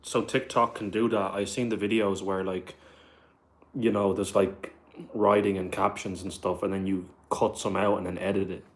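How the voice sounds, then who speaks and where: A man's voice: low voice, little pitch movement, normal speed. A man with a Dublin Irish accent hosting a casual livestream, reading viewer questions aloud and answering them with lots of "like" and "bro". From Ireland. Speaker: livestream host.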